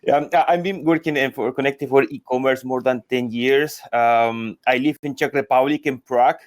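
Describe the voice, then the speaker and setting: Halting man from Chile, dry sound. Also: medium pitch, fairly even intonation, no room sound. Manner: halting, searching for words. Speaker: panelist, e-commerce consultant. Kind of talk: casual panel intro.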